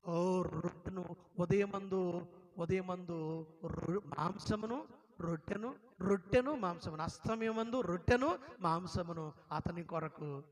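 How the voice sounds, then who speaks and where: Telugu-accented male preacher, high voice, dramatic storytelling sermon with big swings in volume. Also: slow pace. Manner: emotional storytelling, swings between loud outbursts and soft asides. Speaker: pastor. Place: church.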